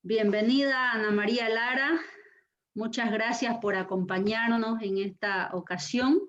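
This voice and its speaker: A woman lecturer hosting an online class, speaking expressively and slowing down to stress her words. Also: a little high, fairly even intonation, fairly bright tone. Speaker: university lecturer and session host. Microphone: video call microphone. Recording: dull lo-fi video call audio.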